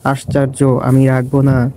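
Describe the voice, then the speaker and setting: A man's voice: mid-range voice, completely flat delivery, unhurried, warm tone, slight background noise, close to an everyday voice. A man voicing a jealous, hot-tempered young husband who speaks curtly and scolds. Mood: harsh. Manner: curt, scolding.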